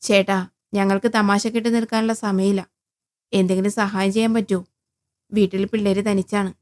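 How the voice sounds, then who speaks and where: A woman voicing a stressed husband stuck with a flat tyre, firm and reassuring. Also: medium pitch, fairly quick, close to an everyday voice. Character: husband with a flat tyre, tense but calming.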